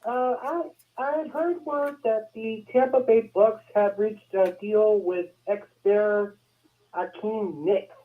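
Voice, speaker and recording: A man's voice: sits high, fairly even intonation, slow. A man calling in to a podcast over a phone line, hesitant and correcting himself as he asks his question. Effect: tinny phone line. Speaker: caller. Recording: tinny phone-line call.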